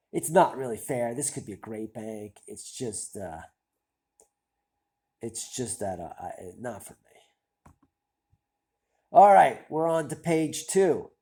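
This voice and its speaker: A husky, warm man's voice of medium pitch, nasal and stuffed up from a cold, muses aloud. He hosts a stock-picking channel and offers casual, thinking-aloud commentary in a hesitant, rambling, self-deprecating way.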